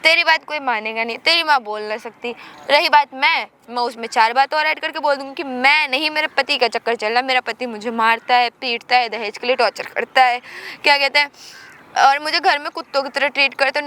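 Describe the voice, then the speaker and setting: A woman playing a bright, bossy scheming wife. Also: high voice. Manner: bossy, taunting, threatening. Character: scheming, domineering young wife threatening her husband. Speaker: actor in a short domestic drama skit. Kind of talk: scripted skit acting.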